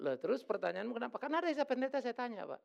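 A middle-aged male pastor preaching a lively, joking sermon in church. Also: very high-pitched, rapid-fire, gravelly, lo-fi sound. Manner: lively, joking, acts out quoted voices.

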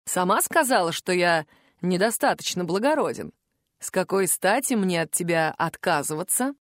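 A woman reading the part of an arrogant, scheming male pirate captain with a mocking, lowered delivery. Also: expressive, moderate pace, no echo, studio quality, lightly acted.

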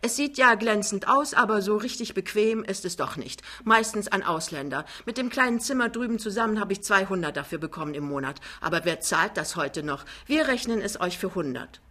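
A woman's voice: medium pitch, expressive, fairly quick, few pauses, pushed and bright. A woman voicing a vain, boastful older mother with a triumphant, theatrical manner in an audiobook reading.

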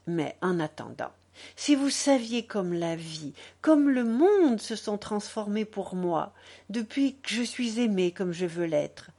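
A woman reading a novel aloud, voicing a radiant young society lady who speaks with bright, gushing effusion. Her voice sits well above the narration and swings widely in pitch, with an unhurried, lingering pace. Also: lively intonation. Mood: tender. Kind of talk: audiobook character reading.

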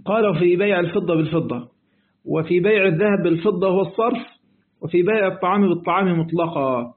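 Egyptian male religious teacher, fast and high-pitched, colloquial lesson over a narrow lo-fi line. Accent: Egyptian Arabic. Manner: lively, acts out dialogues, switches between reading text and colloquial asides. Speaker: sheikh teaching Quranic exegesis. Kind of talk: colloquial lesson explaining a classical text. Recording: tinny phone-like audio.

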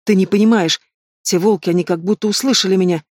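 A man putting on a young noblewoman in an audiobook, high and passionate, pleading and flaring up in defiance. The voice sits fairly high, close and dry. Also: steady tone, fast, no room sound. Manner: pleading, emotional outbursts.

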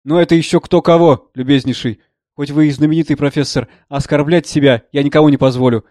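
A man's voice: on the high side, steady tone, fast talker, darkish tone, dry recording, clean studio sound, lightly acted. A man voicing a burly, insolent man who talks down with sneering politeness. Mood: mocking. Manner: sneering, condescending.

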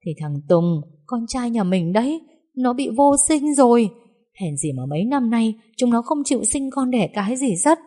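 A woman's voice: fairly low pitch, normal speed, warm tone, close to an everyday voice. A woman voicing a grief-stricken older mother-in-law who wails and laments in an audiobook story. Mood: wailing despair. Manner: wailing, lamenting.

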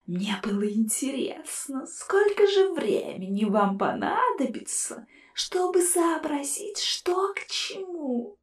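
A woman voicing a mocking male ghost skull trapped in a jar, in a slow, hissing whispered role-play. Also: high voice, sing-song, echoey room, distant mic, pitched above the performer's own voice, full character voice. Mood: gloating.

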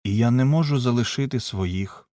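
A man's voice: medium pitch, normal speed, warm tone, dry recording, clean studio sound, lightly acted. A narrator voicing a brave young man fleeing. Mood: puzzled, low.

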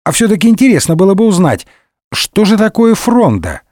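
A sly, condescending cardinal with a raised, lively voice that swoops up and down, as a male reader puts him on. He talks wryly, as if nothing could surprise him, in a comic storybook reading. The sound is dry and close. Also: high voice, fairly quick, no room sound, voice pushed up. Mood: smug. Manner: smug, condescending, wry. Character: scheming, sardonic male cardinal, middle-aged. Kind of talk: audiobook character voice.

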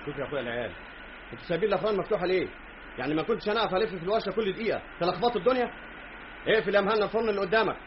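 Actor as a brusque Egyptian workshop boss, barks orders at speed, muffled old tape with light hiss. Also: male voice, mid-range voice, animated, racing, close to an everyday voice. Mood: commanding. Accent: Egyptian Arabic. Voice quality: commanding, brusque. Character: elder brother, workshop owner, bossy. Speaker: workshop owner. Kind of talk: Egyptian radio drama acting. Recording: dull lo-fi radio recording with faint noise.

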